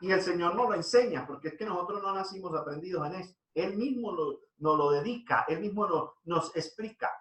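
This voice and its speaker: High bright-voiced man preaching. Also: brisk, hardly any pauses, roomy sound, recorded from a distance, rough recording. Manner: earnest preaching, voice rising when quoting scripture. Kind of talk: devotional sermon.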